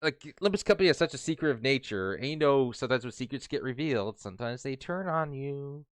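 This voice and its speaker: A man's voice: mid-range voice, expressive, quick pace, clean tone, no room sound, studio quality. A man reading video game dialogue with friends in a casual group session, laughing often and hamming up the haughty lines.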